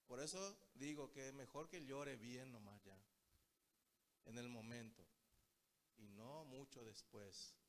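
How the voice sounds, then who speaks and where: A man's voice: medium pitch, slow pace, long pauses, a little hiss or hum. A man preaching a Bible study sermon, telling stories and often calling his listeners brothers. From Paraguay. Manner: storytelling, keeps addressing the listeners as brothers.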